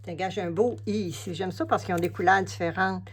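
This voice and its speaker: A woman's voice: lowish voice, steady tone, fast, noisy background. A woman with a Québécois French accent, chatting casually with the viewer as she shows a craft step by step. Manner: chatty and familiar, explains each step while working. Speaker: collage artist and craft video host.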